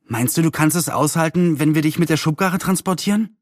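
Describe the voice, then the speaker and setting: A man doing a brisk caring mother. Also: a little high, no room sound, studio quality, voice pushed up, close to an everyday voice. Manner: brisk, reproachful.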